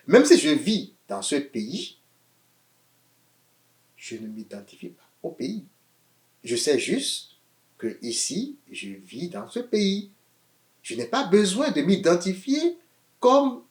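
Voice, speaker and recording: A man with a high voice delivers a lively sermon in a room full of echo. He swings from booming emphasis to hushed asides, frequently repeating words as he gropes for the next one.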